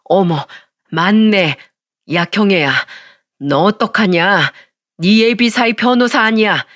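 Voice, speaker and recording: A woman's voice: medium pitch, slow pace, fairly bright tone, dry recording. A blunt, bossy middle-aged woman friend, put on by a female narrator scolds in a brash, accusing voice. The sound is dry and close, with no room around it. It comes across as a story read aloud. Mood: scolding.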